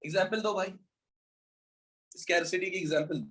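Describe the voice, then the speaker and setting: A man's voice: sits high, moderate pace, fairly bright tone, breathy edge. A man lecturing an economics class in an informal way, teasing his students and calling them brother and son.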